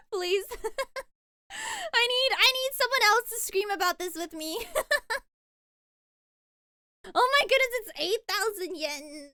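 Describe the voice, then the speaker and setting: In studio-quality sound with no echo, a young VTuber answers chat in a gushing, giggly way, often repeating words. Her extremely high, very animated voice has a sharp tone and moves slowly with long pauses.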